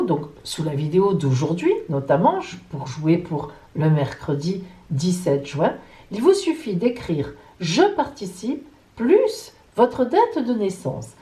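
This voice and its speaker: A woman's voice: lowish voice, warm tone, rough recording. A woman astrologer hosting her own vlog, talking in a chatty, playful way and dropping jokey asides. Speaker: psychic astrologer.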